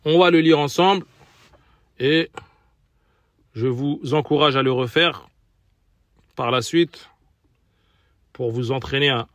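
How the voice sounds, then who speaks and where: Slow, patient male Arabic teacher. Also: medium pitch, fairly bright tone, no echo. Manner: patient, repeats words slowly for learners. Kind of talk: recorded language lesson.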